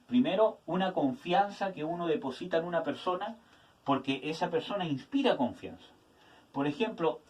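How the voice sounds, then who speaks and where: A man's voice: a little high, a little mellow. A man teaching a Bible study to young people, often checking in with his listeners and searching aloud for words as he goes. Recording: voice from some distance to the mic.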